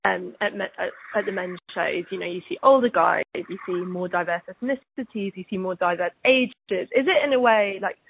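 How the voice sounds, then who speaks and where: Over a tinny, band-limited phone line, a woman interviewer asks chatty, meandering questions in a conversational interview. Her husky, gravelly voice sits on the low side, at normal speed with hardly any pauses.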